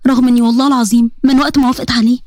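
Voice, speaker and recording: A woman's voice: fairly high pitch, level tone, racing, darkish tone, no room sound, studio quality, natural voice. A woman voicing a hurt, stubborn young woman student with an Egyptian accent, talking earnestly and emotionally in a narrated story. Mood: confiding.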